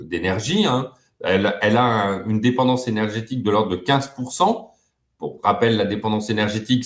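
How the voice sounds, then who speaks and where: A man's voice: mid-range voice, roomy sound. A man talking as a guest expert in an interview, hesitant, with many fillers and repeated words. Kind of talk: web TV interview.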